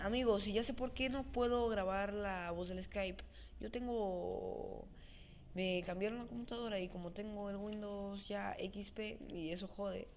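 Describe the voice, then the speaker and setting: A gaming channel host gives let's play commentary in a high, creaky voice, excitable and swearing often as he talks to himself while playing. His cheap desk mic, without a stand, makes him sound quiet and picks up a little hiss or hum.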